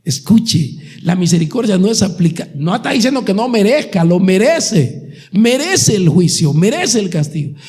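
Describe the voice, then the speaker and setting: A Colombian pastor delivering an impassioned sermon, retelling parables and questioning the congregation directly. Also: male voice, high voice, sing-song, normal speed, a little mellow. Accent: Colombian Spanish. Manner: preaching with dramatic retellings and sudden raised passages.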